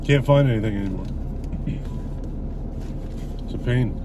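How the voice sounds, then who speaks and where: A man's voice: medium pitch, measured pace, lo-fi sound, noisy background. A middle-aged man chatting casually in a parked car, talking while chewing his food. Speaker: vlog co-host. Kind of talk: casual chat. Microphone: camera on the dashboard.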